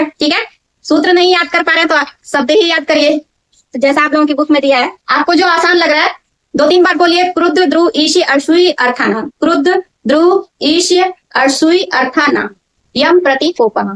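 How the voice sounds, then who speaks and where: A woman teaching a grammar lesson, explaining step by step, drilling key words slowly and often checking that her students understand. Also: high voice, fairly bright tone, rough recording. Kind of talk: classroom-style lesson. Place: in front of a board.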